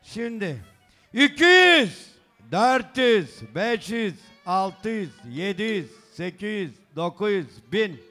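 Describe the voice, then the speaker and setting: A man with a strikingly high voice booms out announcements at a wedding party. He stretches his calls slowly, counts out gifts of money and banters with the guests. Music plays behind him. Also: very animated, pushed and bright. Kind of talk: loud festive announcement of gifts, counting sums aloud. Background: celebration music.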